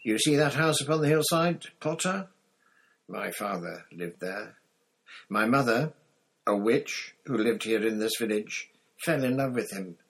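A man voicing a cruel, snake-like male dark wizard in an audiobook, speaking with soft, hissing menace and sudden rises. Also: medium pitch, lively intonation, measured pace, slightly rough, pitched above the performer's own voice, full character voice, rough recording. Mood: gloating. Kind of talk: audiobook character voice.

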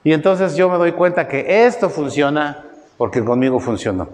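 Mexican male preacher, middle-aged, slightly high voice, folksy sermon with long hall echo. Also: moderate pace, a little mellow. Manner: folksy storytelling, voices quotes with rising pitch, tag questions. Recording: roomy hall with faint ambience.

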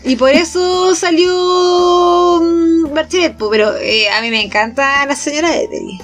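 A woman with a Chilean accent, chatting casually as a co-host and telling stories in an animated way. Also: very high-pitched, unhurried, faint music behind. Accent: Chilean Spanish. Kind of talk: casual chat.

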